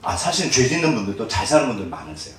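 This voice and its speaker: A middle-aged man preaching a sermon as pastor, animated, telling the story with rhetorical questions and acted-out voices. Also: medium pitch, fast, slight background noise. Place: church sanctuary. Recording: very echoey hall, distant mic.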